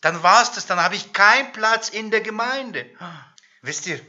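A man delivers a sermon in a high-pitched, animated, unhurried voice, firing rhetorical questions at his congregation. He alternates between loud emphasis and hushed asides, and the recording has its highs cut off.

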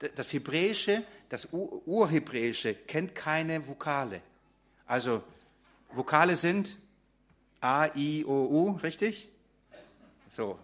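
A man's voice: fairly high pitch, animated, takes it slowly, long pauses, fairly bright tone. A man preaching a sermon in German, talking directly to his congregation with frequent fillers and restarts.

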